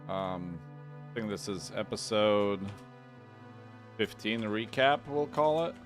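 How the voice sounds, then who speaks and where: A streamer and podcast host chats in a laid-back way with his livestream viewers while editing podcast clips. His voice is on the low side, with lively intonation and a slow pace, and faint music plays in the background.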